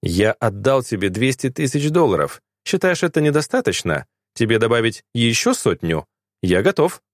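A man's voice: medium pitch, big pitch swings, normal speed, no echo, studio quality. A man voicing a bitter young man who speaks curtly and with contempt in an audiobook story. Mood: scornful. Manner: curt, contemptuous. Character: cold, bitter young man, harsh and scornful.

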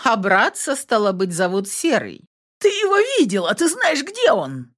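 A woman voicing a stern, practical older grandmother who talks briskly and scolds in a storybook reading. Her figure sounds commanding and set on getting her way. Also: mid-range voice, sing-song, a bit bright, pitched above the performer's own voice.

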